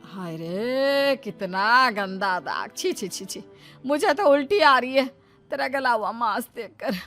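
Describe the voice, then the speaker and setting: A bossy cartoon mother-in-law, scolding and disdainful in a fairly high voice. Faint music sits under her lines. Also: animated, slow pace, fairly bright tone, full character voice. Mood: disgusted. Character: bossy jealous middle-aged mother-in-law. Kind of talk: cartoon voice acting.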